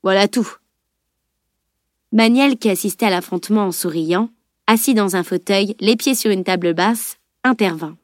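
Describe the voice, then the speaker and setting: A woman narrating a novel in a steady, clear reading voice. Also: medium pitch, moderate pace, dry recording, clean studio sound. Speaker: audiobook narrator. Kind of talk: audiobook narration.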